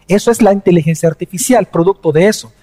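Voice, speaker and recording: A man gives an earnest, conversational sermon, addressing his listeners directly. His voice sits high for a man. It rings with the long reverb of a large hall. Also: fast, dark tone. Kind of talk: sermon with storytelling.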